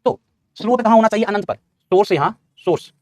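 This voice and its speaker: A man's voice: high voice, brisk, darkish tone, no room sound. A male physics teacher giving a classroom lecture, quizzing his students, answering his own questions and repeating key terms, calling them son and brother.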